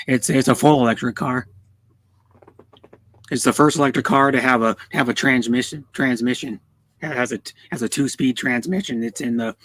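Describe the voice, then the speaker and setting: A streamer chats casually from his car on a livestream, rambling and stammering and often repeating words. His voice is average in pitch and fairly bright, and the sound is dry, with no room echo.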